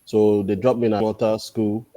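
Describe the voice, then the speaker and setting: A man around forty, a guest in a casual interview, talking thoughtfully and pausing often on drawn-out fillers. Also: lowish voice, flat delivery, warm tone, no echo. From Ghana. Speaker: podcast guest.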